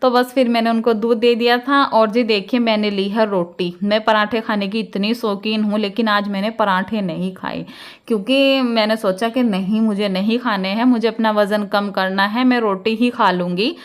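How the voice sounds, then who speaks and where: A woman's voice: medium pitch, fairly even intonation, normal speed. A woman from India in her thirties, chatting casually to viewers in a home vlog, sprinkling her talk with little fillers. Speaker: home vlogger.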